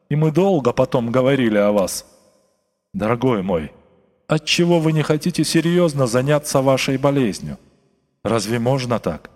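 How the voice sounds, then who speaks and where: A man voicing a kindly, sentimental older postmaster who pleads softly in a half-whisper. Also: mid-range voice. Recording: long reverb, faint music.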